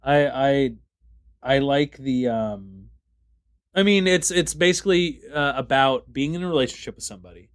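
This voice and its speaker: A man co-hosting a podcast, chatting casually about albums in a relaxed, rambling way full of fillers and restarts. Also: medium pitch, normal speed. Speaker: podcast co-host. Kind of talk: casual music review chat.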